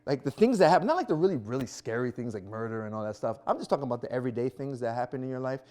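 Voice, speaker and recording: A man in his thirties doing a stand-up comedy set, animated and self-mocking, acting out little scenes. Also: mid-range voice, racing. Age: 30s. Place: small performance venue before a live audience.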